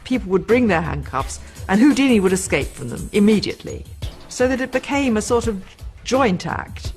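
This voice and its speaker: A woman's voice: medium pitch, sing-song, normal speed, a little mellow, faint music behind. A woman explaining magic history emphatically in a documentary interview.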